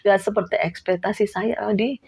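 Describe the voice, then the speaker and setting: Husky-voiced woman preaching a testimony. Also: mid-range voice, steady tone, fairly quick, darkish tone. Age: middle-aged. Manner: storytelling, addresses listeners as "saudara", acts out dialogue, laughs often. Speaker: evangelist preaching. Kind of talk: sermon testimony.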